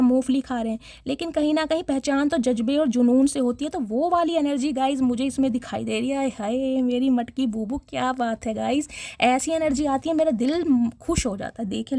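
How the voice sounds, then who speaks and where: A chatty young woman with a Hindi accent reads tarot cards for her viewers. Her voice sits high, and the sound is dry and close. She talks in a dramatic, familiar way and mixes English words into her speech. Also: a little mellow, no room sound. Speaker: tarot reader.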